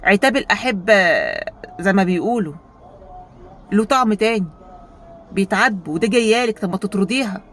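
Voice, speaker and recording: Fast-talking Egyptian woman vlogger. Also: mid-range voice, slight background noise. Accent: Egyptian Arabic. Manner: animated, rhetorical, keeps addressing viewers. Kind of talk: casual storytelling monologue.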